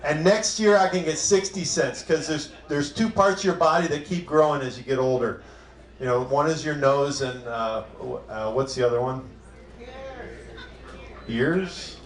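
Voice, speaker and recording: A man's voice: on the high side, measured pace, roomy sound. A man from Cleveland performing a self-deprecating, crude stand-up set on a club stage. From Cleveland, Ohio. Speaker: stand-up comic.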